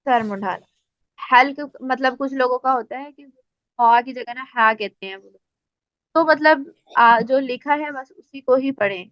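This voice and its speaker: A woman with a Pakistani Urdu accent, teaching Quran tajweed in a casual spoken lesson, explaining patiently and reciting examples slowly. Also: high-pitched, no room sound. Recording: dry, slightly muffled recording.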